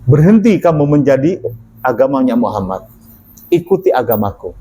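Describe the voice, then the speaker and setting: A man's voice: mid-range voice, big pitch swings, moderate pace, dark tone, breathy edge, poor audio. A male preacher voicing a proud Roman emperor who bargains with a captive, in sermon storytelling. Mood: commanding. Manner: commanding, tempting offers.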